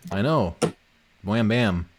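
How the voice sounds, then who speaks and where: A livestream host and game developer, his voice fairly low with lively intonation, talks slowly as he works on a game during an online voice call. He jokes and swears casually, occasionally muttering to himself. Background noise is audible.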